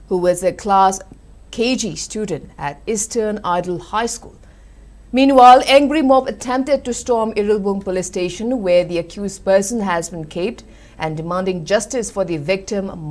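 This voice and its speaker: A woman's voice: mid-range voice, a little mellow. A woman with an Indian accent delivering scripted news narration as a presenter.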